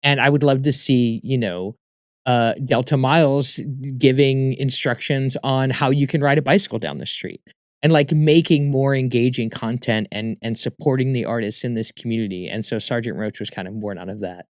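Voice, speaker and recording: A man talking casually as an interview guest, a comedian telling stories in an animated way with emphatic repeats. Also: mid-range voice, normal speed, dry recording, clean studio sound.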